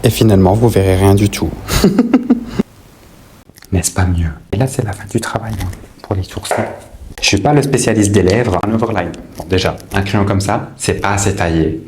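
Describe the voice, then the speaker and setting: A man with a fairly low voice talks casually through a makeup tutorial. He is chatty and teasing, dropping playful asides, with a faint hiss of noise behind him. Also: darkish tone.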